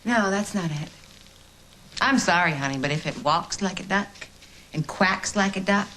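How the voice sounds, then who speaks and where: An actress playing a sharp-tongued, scornful woman in a daytime soap opera feud. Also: fairly low pitch, normal speed, slight background noise. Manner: sarcastic, cutting. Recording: music playing underneath.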